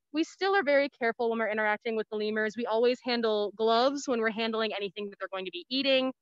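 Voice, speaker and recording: A woman gives an informal educational tour through a face mask. Her voice is fairly high and smooth, with plain-worded explanations. It comes over a dry, slightly dull video-call connection. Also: a bit bright, dry recording. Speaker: animal care educator giving a virtual tour. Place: outdoors in woodland, on a video call.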